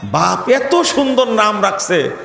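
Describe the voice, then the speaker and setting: A man's voice: high voice, very animated, takes it slowly, vocal fry, pushed and bright. Fiery male preacher in echoey hall. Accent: Bangladeshi Bengali. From Bangladesh. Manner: fiery, rhetorical questions, scornful. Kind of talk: sermon to a gathering. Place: large hall with a gathering. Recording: echoey hall, long reverb.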